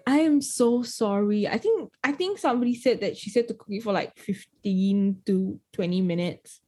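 A young adult woman with a lisp hosting a podcast, chatting in a lively, expressive way with quick asides. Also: mid-range voice, husky. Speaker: podcast host. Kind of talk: casual chat.

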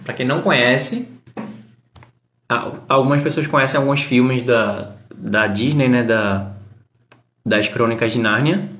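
A man's voice: medium pitch, unhurried, long pauses, a bit bright, echoey room. A man giving a casual live-stream English lesson, answering chat comments and explaining grammar patiently.

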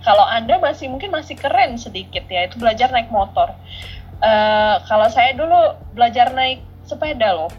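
A woman in her thirties telling a childhood story as a podcast co-host, animated and laughing often. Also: fairly high pitch, moderate pace, lo-fi sound, a little hiss or hum. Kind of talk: casual storytelling chat.

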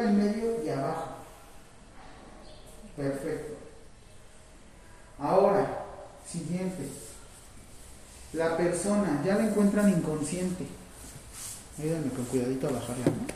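A nursing instructor teaches a hands-on first aid class, asking questions and pushing the students to be energetic. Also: mid-range voice, slow pace, long pauses. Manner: coaching, asks questions, urges energy. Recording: echoey hall, far from mic, faint room noise.

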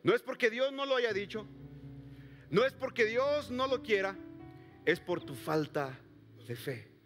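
A man preaching a sermon to a congregation, swinging from loud calls to hushed near-whispers and asking the listeners direct questions. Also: high voice, lively intonation, unhurried, soft background music. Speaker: pastor. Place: church service before a congregation.

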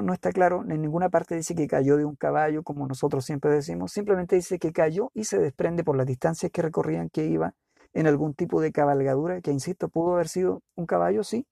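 Gravelly-voiced man preaching a sermon. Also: warm tone, no room sound, studio quality. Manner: earnest preaching with dramatic pauses, speaks to the congregation directly; acts out quoted lines with lifted pitch and slowed pace.

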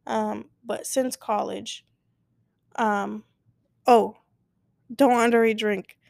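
A woman in her twenties hosts her own solo podcast late at night at home, chatting casually, rambling, using lots of fillers and cutting herself off mid-thought. Her voice is a little high, gravelly and a little mellow, with a steady tone and slow pace. The recording is dry and close, with no room sound.

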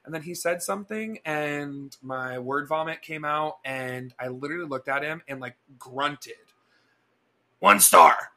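A man's voice: a little high, normal speed, few pauses. A young man co-hosting a podcast, chatting casually and acting out the people in his stories. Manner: animated, chatty, acts out dialogue. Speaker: podcast co-host. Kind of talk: casual storytelling chat.

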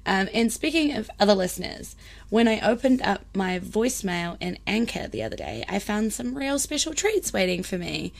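A woman with a broad New Zealand accent hosts a podcast in a casual, colloquial way, sprinkling in Kiwi slang and Māori phrases. Her mid-range voice swings widely in pitch, with vocal fry, at a moderate pace.

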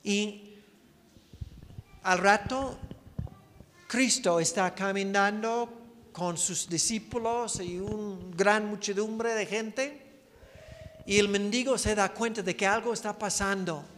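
A male missionary preaching a sermon, telling the story slowly with dramatic pauses. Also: sits high, fairly bright tone, big-room sound, a little hiss or hum. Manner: slow, pausing, dramatic storytelling.

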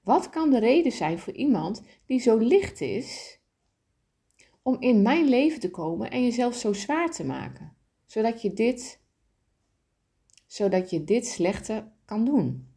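A woman voicing a small, innocent soul who asks excited, pleading questions. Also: a little high, slow pace, breathy edge, pitched above the performer's own voice, full character voice. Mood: eager.

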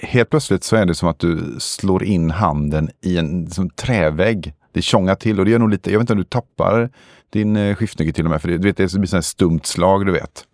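A man narrating a tabletop role-playing game as game master, describing scenes slowly with pauses and fillers. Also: low voice, darkish tone, dry recording, clean studio sound.

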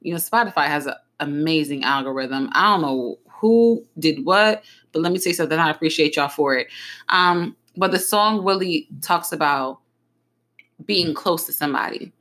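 A young woman hosts her podcast in loose, easy chat. She is blunt and lively and swears freely. Her voice is bright but sits a little low. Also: moderate pace. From Trenton, New Jersey. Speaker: podcast host. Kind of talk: casual chat.

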